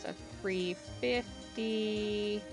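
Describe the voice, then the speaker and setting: Slow-paced woman streamer thinking aloud. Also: medium pitch, steady tone, over music. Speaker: game streamer. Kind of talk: casual live gaming commentary.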